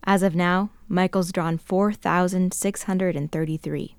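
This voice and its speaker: A woman hosting a podcast, reading scripted narration in a measured, gentle storytelling voice. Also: fairly low pitch, fairly even intonation, no echo, clean studio sound. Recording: narration over clear music.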